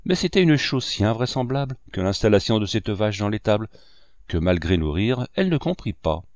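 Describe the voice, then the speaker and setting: A man reading a classic novel aloud with animated storytelling. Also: lowish voice, fairly quick, no room sound, clean studio sound. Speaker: audiobook reader.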